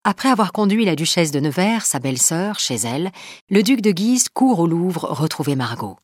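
A woman narrates a historical tale in a calm, even storybook reading. Her voice sits low, and the recording is close and dry. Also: moderate pace, dry recording.

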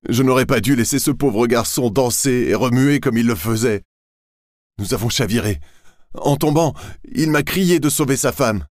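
A man voicing a cold, calculating young murderer who hushes his orders and cries out in false grief. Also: deep voice, lively intonation, moderate pace, slightly rough, dry recording, studio quality. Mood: distraught.

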